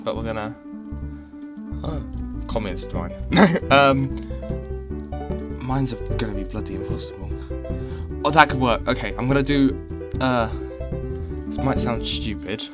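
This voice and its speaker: A man talks through a building match in a loose, rambling way, often stopping and restarting his thoughts and poking fun at himself. His voice sits in a middle register and is picked up on a headset mic. Game music plays clearly underneath. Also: medium pitch. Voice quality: chatty, rambling, self-mocking, with many restarts. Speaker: gaming YouTuber. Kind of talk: casual gameplay commentary. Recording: game music playing behind.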